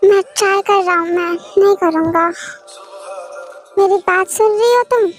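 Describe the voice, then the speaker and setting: A woman's voice: very high voice, normal speed, faint music behind. A woman voicing an earnest young man pleading with his partner in an amateur Hindi fan dub.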